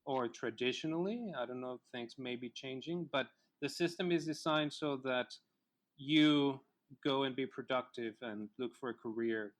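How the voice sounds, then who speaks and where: A middle-aged man from Colombia, a native Spanish speaker, telling his life story as a guest in a relaxed interview. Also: mid-range voice, normal speed. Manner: reflective storyteller, many fillers. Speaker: filmmaker guest. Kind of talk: casual interview chat.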